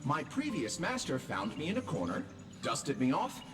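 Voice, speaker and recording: A chatty polite robot drinksmith. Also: male voice, fairly high pitch, wildly swooping pitch, moderate pace, music in the background. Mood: formal. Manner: courteous, formal, tells corny jokes. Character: polite male robot drinksmith serving on a train. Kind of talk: video game voice acting.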